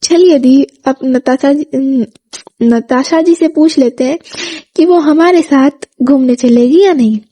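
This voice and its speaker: Storybook: a woman doing a pleading younger sister, high and soft-toned, coaxing. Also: measured pace. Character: eager young woman pushing her sister to ask.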